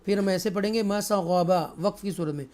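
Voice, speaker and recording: A man teaching Quran recitation rules, switching between slow, drawn-out chanted recitation and quick spoken explanations. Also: high-pitched, a little mellow. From Pakistan. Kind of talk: tajweed lesson, recitation with explanation.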